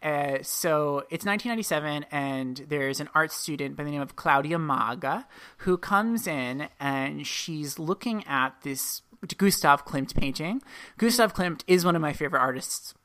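A woman's voice: deep voice, expressive, normal speed, fairly bright tone. A woman hosting a podcast, telling a story in a rambling, self-correcting way. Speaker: podcast host. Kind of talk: casual podcast chat.

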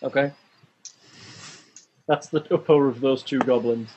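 A man acting as game master of a tabletop game, narrating attack rolls and damage in a relaxed, jokey way. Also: medium pitch, unhurried, breathy edge, muffled recording.

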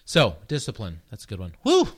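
A middle-aged man co-hosting a podcast in a casual, conversational way, with an animated, joking, playful manner. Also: lowish voice, brisk, breathy edge, no room sound, clean studio sound. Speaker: podcast co-host.

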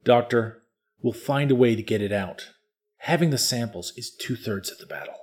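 A man's voice: medium pitch, normal speed, a little mellow, lightly acted. An actor playing a smug male field scientist who explains things in a matter-of-fact, lecturing way. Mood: sober. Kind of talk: audiobook character reading.

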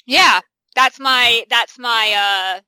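Bright-voiced chatty woman in her thirties. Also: on the high side, slow, clear, resonant tone, dry recording, poor audio. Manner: chatty, rambling, tells stories with fillers. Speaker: podcast co-host. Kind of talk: casual chat about comic films.

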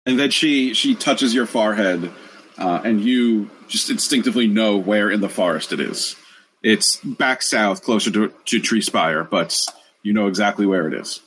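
A man's voice: fairly low pitch, normal speed, a bit bright, a little hiss or hum, low-quality recording. A man narrating a tabletop role-playing game as its game master.

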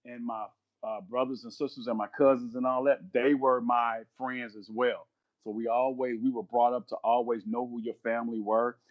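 A man's voice: medium pitch, lo-fi sound. A man in his fifties, a minister and podcast guest, talking earnestly and quoting scripture as he speaks. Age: 50s. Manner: earnest, repeats himself, quotes scripture. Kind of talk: podcast conversation, preaching-flavored.

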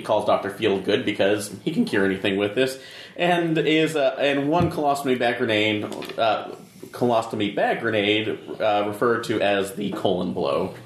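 A man playing a tabletop game, describing things casually in a halting, dryly jokey way. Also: fairly low pitch. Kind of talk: casual character introduction. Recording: roomy echo.

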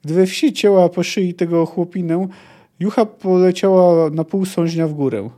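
A man's voice: high voice, normal speed, warm tone, pitched above the performer's own voice, lightly acted. A man voicing a grinning, cocky young male outlaw, read aloud.

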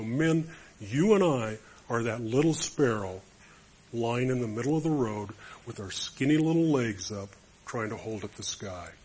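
A man's voice: medium pitch, a little mellow, a little hiss or hum. A man preaching a sermon to a group of men, emphatic and storytelling. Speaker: speaker to men.

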